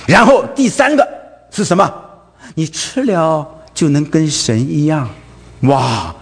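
A man's voice: a little high, animated, takes it slowly, gravelly, slightly rough. A man with a Wu-delivering a sermon, firing off rhetorical questions tagged with "right?" and stammering over repeated fillers. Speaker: preacher. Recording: long hall reverb.

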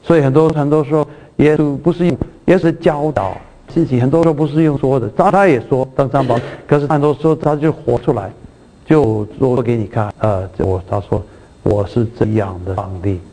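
A man's voice: a little high, brisk, warm tone, slight background noise, low-quality recording. Man preaching, checking in with listeners. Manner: repetitive, restarts words, checks in with the audience; reads scripture aloud with lifted emphasis. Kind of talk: sermon teaching on a Bible passage.

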